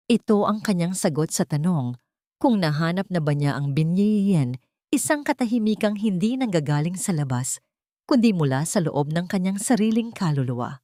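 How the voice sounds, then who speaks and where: A woman with a Filipino accent narrates a sentimental drama in a fairly low, warm voice, reading a script in a measured, emotive way. The recording is very dry, with no room sound and no echo.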